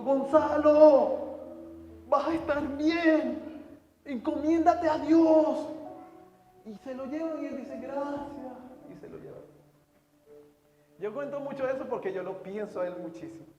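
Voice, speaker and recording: A man preaching a sermon, telling a personal story with emotional swings between soft, hushed lines and loud outbursts. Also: very high-pitched, fairly quick, highs cut off. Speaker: pastor. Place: church hall. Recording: echoey church hall with music.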